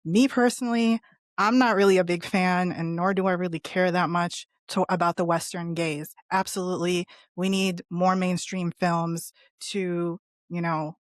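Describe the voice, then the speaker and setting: A woman's voice: lowish voice, steady tone, normal speed, dry recording, studio quality. A woman speaking in a casual podcast discussion, earnest, with many restarts and fillers. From Palestinian family. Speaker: podcast guest panelist.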